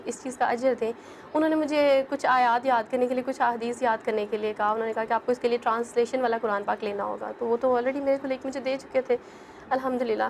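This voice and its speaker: A woman's voice: on the high side, darkish tone, a little hiss or hum. A young woman from Pakistan, a guest telling her own story in an interview, earnest and full of "believe me". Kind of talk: personal testimony in an interview.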